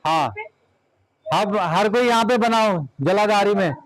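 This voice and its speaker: A man's voice: high-pitched, slow, crowd noise, rough recording. A man teaching a class of children, giving directions and repeating short commands.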